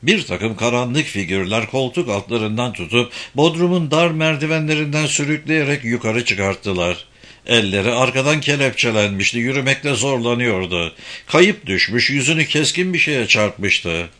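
Expressive male storyteller with a lively voice. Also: mid-range voice, moderate pace. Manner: dramatic, expressive reading. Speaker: audiobook narrator. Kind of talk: scripted story narration.

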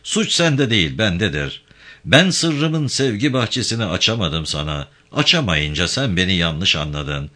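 A man's voice: low-pitched, sing-song, normal speed, pushed and bright, heavily acted. A man reading a story voices a wounded, hardy man who soothes his wife in florid, tender words. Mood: tender soothing.

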